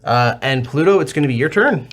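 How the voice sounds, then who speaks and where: A man's voice: medium pitch, expressive, a little fast, a little hiss or hum. Male game master, plain mid-range voice, matter-of-fact, runs the table. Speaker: dungeon master.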